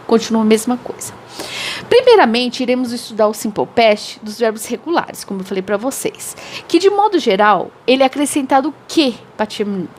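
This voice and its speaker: A woman English teacher whose first language is Portuguese, giving a recorded grammar lesson and explaining slowly with repeated examples. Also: high-pitched, a little hiss or hum.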